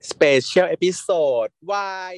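A man co-hosting a review podcast, playful and teasing, asking quick questions. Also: sits high, animated, no room sound, studio quality. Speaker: podcast co-host. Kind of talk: casual review chat.

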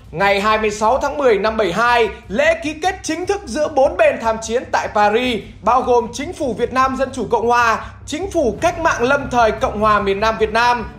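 A woman with a very high voice narrates history from a script. She tells it emphatically and in colloquial words, like a show host. The sound is clearly echoey, with music underneath. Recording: roomy echo with music.

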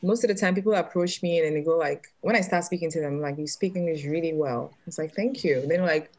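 A woman's voice: low-pitched, quick pace, darkish tone, rough recording. A woman from Ghana speaking candidly as a guest on a casual podcast, telling her own stories. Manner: candid, storytelling.

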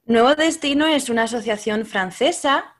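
A woman's voice: on the high side, normal speed, fairly bright tone. A woman, a teacher speaking as a podcast guest, thoughtful and often hesitating. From Spain. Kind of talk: casual interview talk.

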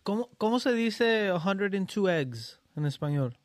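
A man's voice: high voice, expressive, measured pace, no echo. A man playfully quizzing friends in casual chat.

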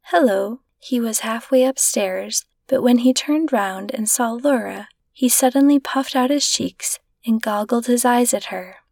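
Woman narrator, storybook reading, gentle and measured, dry close mic. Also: a little high, no echo. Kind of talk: scripted narration.

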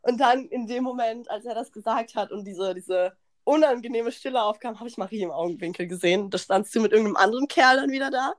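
A young woman hosting a podcast, telling a party story in slangy, animated casual chat and acting out what people said. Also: a little high, fast talker. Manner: animated, slangy, acts out quotes, laughs often. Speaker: podcast host.

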